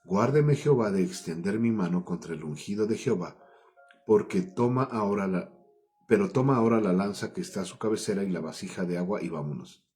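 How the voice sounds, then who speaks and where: A low-pitched man with a Mexican Spanish accent gives a Bible-study sermon. He reads verses aloud and then unpacks them in his own words, often restarting his phrases. His voice sounds mellow, with soft music playing faintly behind him. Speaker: preacher.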